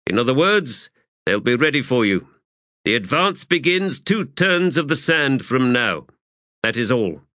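In an audiobook, a man performs a commanding, exasperated army commander addressing his troops, with loud, orderly, formal and clipped authoritative oratory. His mid-range voice is pitched above his own but near an everyday voice, with lively intonation, a moderate pace and a fairly bright tone. The studio recording is clean, with no room sound.

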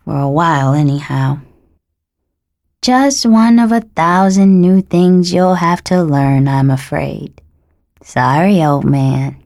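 A woman reading an audiobook, voicing a young boy godling who speaks softly with smug, cruel relish. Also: low voice, takes it slowly, no room sound, clean studio sound. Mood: smug mocking. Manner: soft, smug, mocking. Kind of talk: audiobook character voice.

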